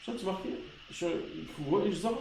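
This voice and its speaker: A man's voice: sits high, moderate pace, echoey room, slight background noise, low-quality recording. Emphatic man teaching a Torah class. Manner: rhetorical questions, grows loud and emphatic.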